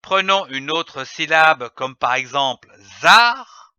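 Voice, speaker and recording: Man, reading teacher, very slow, bright voice, syllables spelled out one by one. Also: fairly high pitch, very animated, clear, resonant tone, no echo. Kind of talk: slow phonics lesson for children.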